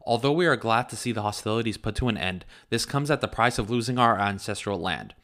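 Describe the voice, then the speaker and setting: A man's voice: lowish voice, expressive, a bit bright. A man reading a grave, solemn announcement at the start of a podcast. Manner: grave, measured.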